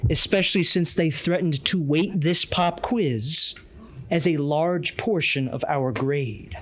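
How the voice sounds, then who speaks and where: A man giving an earnest, emphatic conference lecture, reading from a tablet. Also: a little high.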